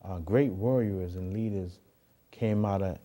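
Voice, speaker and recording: A man's voice: low voice, measured pace, mellow. A man hosting a studio program, opening with preacherly remarks and then interviewing a guest. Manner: preacherly, rising emphasis. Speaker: program host.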